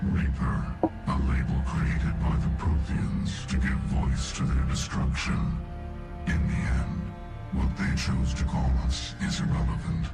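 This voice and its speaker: A male actor playing an ancient, godlike sentient machine in a science fiction game, cold, contemptuous and imperious, with a processed synthetic rumble. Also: monotone, heavily acted. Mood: cold contempt. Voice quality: gravelly, booming synthetic rumble. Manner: slow, imperious, grandiose pronouncements. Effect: deep machine voice processing. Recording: loud ominous music behind. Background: ominous music.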